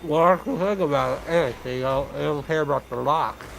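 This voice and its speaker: A man's voice: on the high side, normal speed, creaky, noisy background. A man joining a game stream as guest, chatting in a dry, joking way. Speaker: guest co-host. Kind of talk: casual chat.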